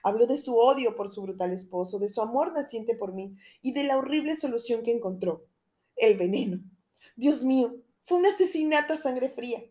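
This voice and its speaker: A woman reading an audiobook, voicing an anxious middle-aged gentleman who confides in urgent, lowered tones. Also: expressive, moderate pace, lightly acted. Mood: confiding.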